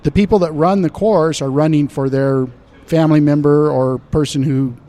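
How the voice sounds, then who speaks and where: A middle-aged man, a studio guest, chatting casually and rambling through a story, his voice trailing off softly. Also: fairly high pitch, fairly even intonation, normal speed. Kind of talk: casual chat. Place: indoor shop space.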